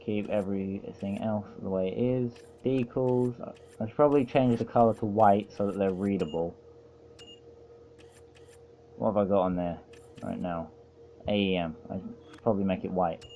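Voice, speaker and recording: Playing a racing game, the let's play host chats casually, wandering off topic and ribbing himself with dry humor even though he feels overheated. His pitch is fairly low and his tone dark, his speed normal with frequent pauses, and there's slight background noise.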